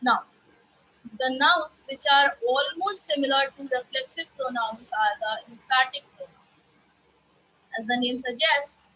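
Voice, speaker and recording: In a live online class, a woman teacher explains grammar, repeating examples and often pausing to ask "okay?" Her voice sits high and sounds pushed, bright, and husky, and the audio is dull.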